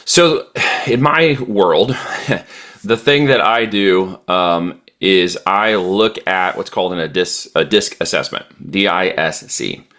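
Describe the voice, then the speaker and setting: A man's voice: sits low, slow, fairly bright tone. A man guest on a podcast interview, explaining e-commerce strategy in a confident, emphatic way with frequent fillers.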